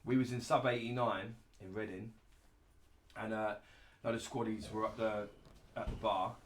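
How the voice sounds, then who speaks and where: A man's voice: on the low side, steady tone, moderate pace, a little hiss or hum. A man telling casual anecdotes as a show host. He is blunt and sweary and laughs through his stories.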